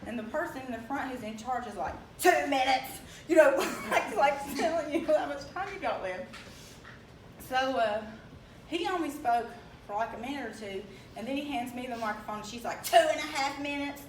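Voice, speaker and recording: A young woman with an Appalachian accent tells a story with an animated, laughing delivery and acts out the people she quotes. Her voice sits high. The recording sounds echoey and distant, with faint ambience. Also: moderate pace. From Appalachia, West Virginia. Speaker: speaker telling her story. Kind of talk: casual storytelling talk. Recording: echoey room, mic from far off, faint ambience.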